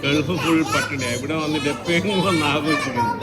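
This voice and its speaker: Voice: mid-range voice, fast talker. A vlogger casually addressing viewers, mixing English words into Malayalam. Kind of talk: casual family food vlog, addressing viewers. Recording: loud music and busy crowd behind. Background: loud music, crowd chatter.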